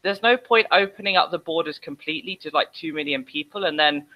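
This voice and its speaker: A man's voice: fairly high pitch, brisk, highs cut off. A man answering interview questions in a casual, earnest way, repeating himself and hesitating before each point.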